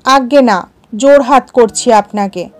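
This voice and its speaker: A woman's voice: fairly high pitch, unhurried, faint music behind, natural voice. A woman reading a story aloud voices a humble, deferential male village shopkeeper. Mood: pleading. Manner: pleading, deferential.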